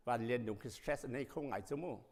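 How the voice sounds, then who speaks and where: A man preaching a sermon as pastor, speaking emphatically and rising to loud passages. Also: medium pitch, steady tone, brisk. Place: church sanctuary. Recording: long reverb of a church hall.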